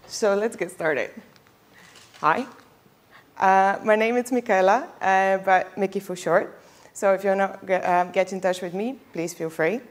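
In an unhurried, medium-pitched voice, a young woman from Bulgaria gives a casual, chatty conference talk, often saying um and making self-deprecating remarks. She wears a headset mic in a lecture hall equipped with a projector screen.

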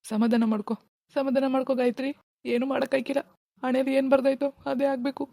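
A woman voicing a calm relative in a cartoon who urges the others to accept fate. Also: sits high, fast, gravelly, no room sound. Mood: soothing. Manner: soothing, then firmly scolding. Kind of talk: animated cartoon voice acting.

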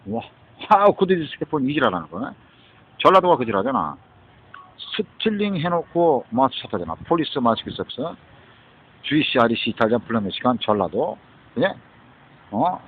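A husky-voiced man rambles through a monologue, his pitch swinging up and down. He jumps between Korean and English and keeps tossing out a questioning "huh?". The recording sounds dull and lo-fi.

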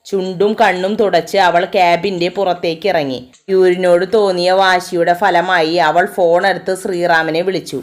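A woman reading a dramatic romance story aloud in a steady storyteller voice. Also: on the low side, normal speed. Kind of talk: scripted story narration.

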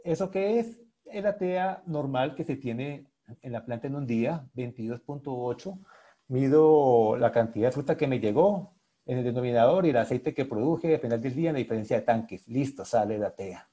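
A lecturer with a Colombian accent gives an enthusiastic technical presentation online, addressing his audience directly. His medium-pitched voice is warm and husky, and he speaks at a normal speed.

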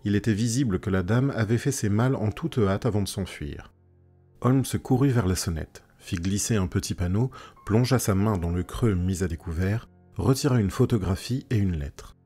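A man narrating a classic story in a measured, steady reading. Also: lowish voice, breathy edge. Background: faint soft music.

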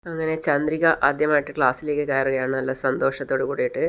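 Man, storyteller vlogger, casual retelling, smooth voice, slight rasp. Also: medium pitch, flat delivery, fast talker, sharp tone.

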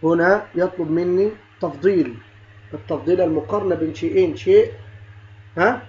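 A man's voice: high-pitched, brisk, darkish tone. Patient male grammar teacher, lo-fi. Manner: patient, repeats and spells out sounds, praises pupils. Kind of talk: primary-school grammar lesson.

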